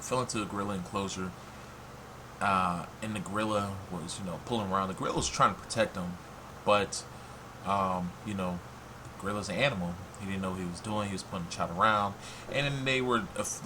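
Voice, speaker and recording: An American man talking casually and bluntly in an opinion vlog, sometimes swearing. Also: fairly low pitch. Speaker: online video commentator. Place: warm room at home with fan running. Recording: noisy, loud fan blowing nearby.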